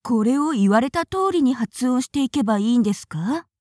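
A woman's voice: on the high side, expressive, brisk, a little mellow, no echo, clean studio sound, close to an everyday voice. A woman acting as a naive, polite young woman who hesitates and stammers when flustered, in an audio drama.

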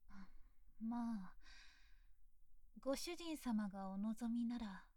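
A young woman playing a composed, very polite maid, speaking in soft close whispers in an ASMR roleplay. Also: on the high side, slow, no echo. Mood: courteous. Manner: formal, very polite and calm.

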